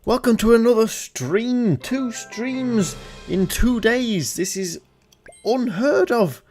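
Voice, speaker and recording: A man's voice: extremely high pitch, animated, slow pace, darkish tone, faint music behind. A twenty-year-old man hosting a casual gaming livestream through headset audio, upbeat and jokey as he reads out chat. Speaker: streamer.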